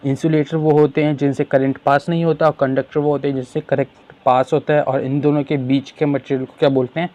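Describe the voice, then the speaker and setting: A man tutoring for an exam, who asks questions and answers them himself and reads English sentences slowly. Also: mid-range voice, flat delivery, darkish tone. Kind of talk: explaining exam questions in Hindi with English terms.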